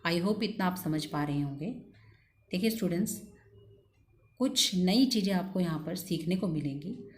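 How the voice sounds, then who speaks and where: A woman's voice: on the low side, normal speed, long pauses, a little hiss or hum. A woman teaching an English grammar lesson in a patient, coaxing way, repeating key points and checking in with her students after each one.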